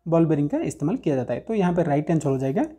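A man working through technical exam questions in a screen-recorded lesson, reading each question slowly and then explaining the answer step by step. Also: a little high, expressive, mellow, breathy edge. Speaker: technical teacher. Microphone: screen recording voice-over.

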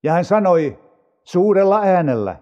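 A man reading scripture aloud for an audio Bible in a measured, unhurried way. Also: sits high, sing-song, big-room sound, muffled recording.

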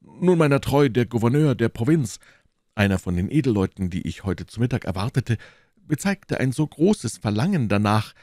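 A big, boastful musketeer with a hearty appetite, played by a man reading aloud. He speaks loudly with a raised pitch, cheerful and full of swagger, close and dry. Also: very animated, normal speed, dry recording, natural voice. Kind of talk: audiobook character reading.

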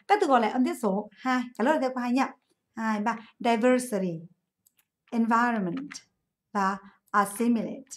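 A woman teaching English in a live online class, chatty and quick to correct her own slips, speaking English words. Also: on the high side. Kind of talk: live online class, going over an exam.

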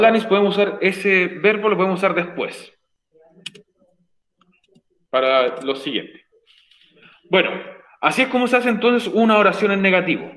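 A man's voice: high voice, a bit bright. A man teaching an online English class over a video call, explaining patiently and repeating key points. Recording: roomy echo.

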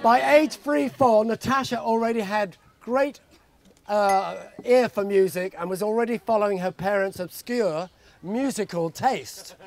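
A father of the bride in his sixties delivers a humorous, story-filled speech at a garden wedding reception outdoors, reading his notes into a handheld microphone held close. For a man his voice is unusually high, and his delivery is a little slow.

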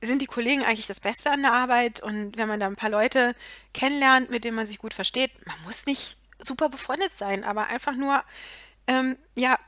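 A woman's voice: fairly high pitch, a little fast, bright, forceful tone, dry recording. Frank, opinionated woman reviewing a book. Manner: opinionated, frank, many fillers. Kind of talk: casual spoken book review.

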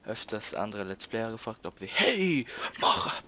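An Austrian teen let's player, with a fairly low, sing-song voice, talks unhurriedly through a game amid background noise. The commentary is casual, with plenty of fillers, stalling and words said twice.

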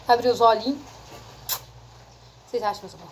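A woman's voice: a little high, fairly even intonation, moderate pace, slight background noise. A woman vlogging casually at home, chatting to her viewers and cooing in baby talk at her puppies.

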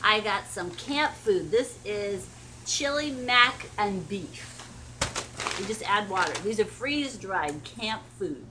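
Unpacking her shopping on the porch and in a carpeted room, an older vlogger chats and rambles through a casual haul video, cooing at her dogs along the way. She speaks slowly in an animated, medium-pitched voice over a noisy background.

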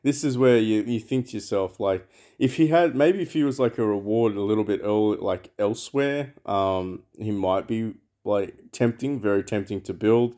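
Aussie guy rambling thru a mobile game, kinda low voice, lots of ums. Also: moderate pace, mellow. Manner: chatty, rambling, thinks aloud with many fillers. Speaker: mobile game channel host. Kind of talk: casual gameplay commentary.

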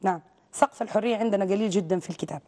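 A woman's voice: mid-range voice, rapid-fire, dark tone. A woman from Saudi Arabia, a visual artist, giving outspoken and emphatic answers as a guest in a TV interview. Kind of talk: TV interview conversation.

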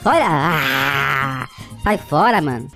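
A man with a Brazilian accent voicing a rude, grumbling alter ego of himself in a higher, pinched voice. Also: lively intonation, takes it slowly, bright, forceful tone, soft background music. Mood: annoyed. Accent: Brazilian Portuguese.

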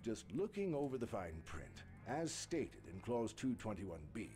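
A man's voice: lowish voice, big pitch swings, measured pace, over music. A man playing a sly devil in a video game, grandiose and mocking, with a salesman's patter. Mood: smooth, persuasive. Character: sly, theatrical male devil striking deals. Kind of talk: video game character acting.

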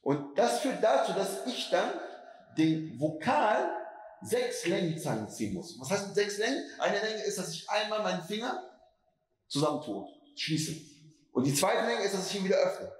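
A man's voice: high voice, big pitch swings, moderate pace, roomy sound, low-quality recording. A man giving a Quran commentary lecture as imam, asking rhetorical questions and stretching words for emphasis.

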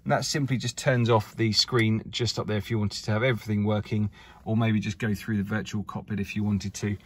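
A man's voice: fairly low pitch, level tone, a little fast, breathy edge. A man giving a casual walkaround of a used car in an indoor showroom, filmed on a handheld camera. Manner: upbeat salesman patter, filmed while walking. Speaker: car dealer presenting a used car. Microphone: camera held by the speaker.

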